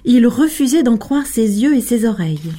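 A woman telling a tale aloud, expressive and measured, slowing down to let moments land. Her voice sits a little high for a woman. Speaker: storyteller. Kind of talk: told story narration.

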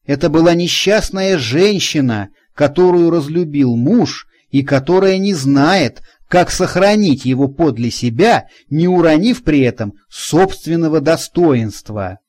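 A man narrating a first-person detective story in a calm, deliberate, ironic manner. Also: a little high. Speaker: audiobook narrator.

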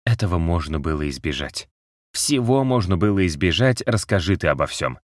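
A biting, cold talking cat in an audiobook, as a deep-voiced male narrator puts him on, pitched up and curt. The sound is dry and close-miked. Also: expressive, brisk, no echo. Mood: harsh. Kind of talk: audiobook character voice.

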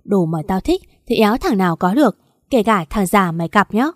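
A brutish young ex-husband, coarse and menacing, voiced by a woman reading the story. His lines come loud and close, with no room sound. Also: sits high, lively intonation, a little fast, dry recording. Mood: threatening. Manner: coarse, threatening. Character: abusive, arrogant ex-husband, young man.

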